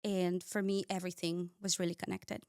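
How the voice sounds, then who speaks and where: Here the same Ecuador-raised cosmetic scientist chats as an interview guest, recounting her life with warmth, many "uh"s and minor grammatical slips. Her pitch is fairly low and her delivery flat and fairly quick, with a clean tone. It's a dry, studio-quality recording.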